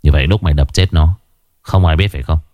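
A man's voice: extremely low pitch, fast, a little mellow, no echo, voice pushed down. A man voicing a cold, ruthless middle-aged male gang boss who speaks curtly and with menace.

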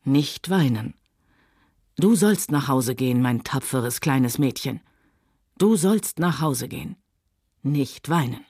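A woman reading a novel aloud, voicing a worldly, sardonic Southern gentleman who speaks coolly and mockingly. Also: low voice, expressive, moderate pace, no room sound, studio quality. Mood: soothing. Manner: sardonic, cool, later soft and soothing.

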